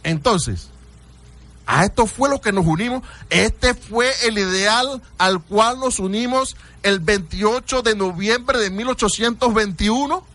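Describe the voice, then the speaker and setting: A man's voice: high voice, takes it slowly, pushed and bright. A man hosting a radio call-in show, talking emphatically and theatrically and urging listeners to pay attention. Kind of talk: radio call-in talk on history.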